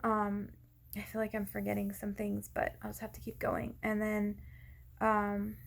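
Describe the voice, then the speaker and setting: A woman speaking out of breath in a casual, unscripted personal update, haltingly and often losing her thread. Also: medium pitch, gravelly. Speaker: vlogger giving a personal update.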